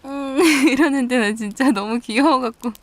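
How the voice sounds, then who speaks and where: A woman in a whispered role-play as an affectionate girlfriend, teasing and giggling softly. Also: mid-range voice, lively intonation, a little slow, dry recording. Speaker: ASMR role-play performer.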